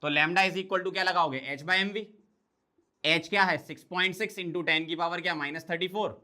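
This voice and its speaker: A male chemistry tutor, teaching an exam-prep lecture. His voice is slightly high and very bright and sharp. He drills the material quickly, asking questions and answering them himself.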